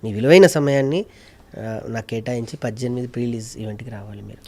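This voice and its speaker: A man's voice: medium pitch, fast, warm tone. A male mimicry artist and actor talking earnestly and politely in an interview. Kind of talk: casual interview.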